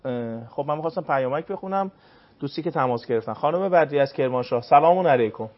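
A man hosts a call-in radio show, greeting callers and relaying their questions in a courteous, brisk way. His voice sits a little high. The broadcast sound is dull and lo-fi. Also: expressive. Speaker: radio host.

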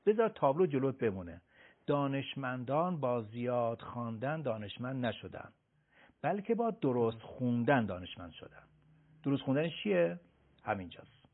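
Man, study advisor, gravelly, lively pitch, emphatic lecturing, phone-like sound. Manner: lecturing, emphatic, direct address. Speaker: education advisor. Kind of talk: giving advice on radio.

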